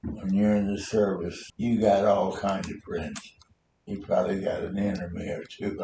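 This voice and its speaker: An American man in his nineties, a war veteran, telling his memories in a halting, rambling old-timer way during an oral history interview. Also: level tone, dark tone. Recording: roomy echo, faint noise and rumble.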